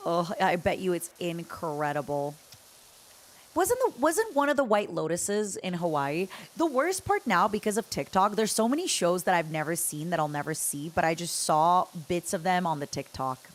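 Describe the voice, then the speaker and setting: A woman livestreams while gaming, rambling playfully and answering her chat. Her fairly low voice has a sing-song lilt at a moderate pace.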